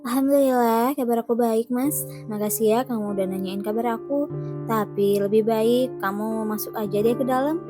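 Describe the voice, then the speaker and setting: A woman voicing a gentle, wronged young woman in an animated drama. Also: mid-range voice, voice pushed down, close to an everyday voice.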